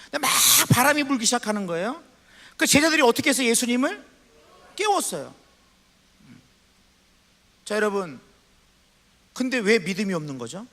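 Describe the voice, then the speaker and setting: A man preaching a sermon as pastor, asking the congregation questions and reading scripture aloud slowly. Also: very high-pitched, big pitch swings, sharp tone, long reverb tail. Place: church sanctuary.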